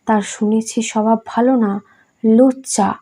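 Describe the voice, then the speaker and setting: A woman voicing an elderly male saint who talks gently and playfully, in a storybook reading. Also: fairly high pitch, steady tone, unhurried. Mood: gentle.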